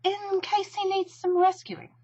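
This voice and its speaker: A woman's voice: extremely high pitch, little pitch movement, a little slow, dark tone, no echo, highs cut off, pitched above the performer's own voice. A woman voicing a small, timid male piglet, nervous and fretful, in a storybook reading. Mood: anxious.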